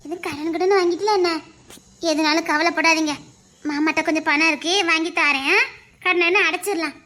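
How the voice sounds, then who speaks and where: A kind, trusting older mother-in-law comforts and fusses in a soft, bright voice, as a woman puts her on for an animated story. She speaks, gentle and unhurried. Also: very high-pitched, voice pushed down. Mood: soothing. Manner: gentle, soothing, fussing.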